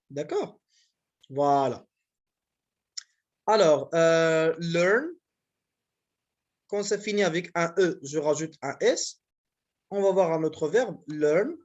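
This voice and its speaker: A teacher walks students through grammar step by step, at a middling pitch. The delivery is patient and repetitive, with frequent check-ins to make sure everyone is following. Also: a little mellow. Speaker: university language teacher. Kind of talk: classroom grammar lesson.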